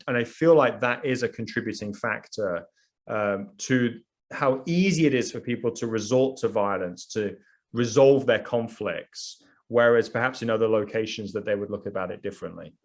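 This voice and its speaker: A man with a British accent, a sociologist answering panel questions in a relaxed, conversational way with frequent fillers. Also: on the low side, moderate pace. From United Kingdom.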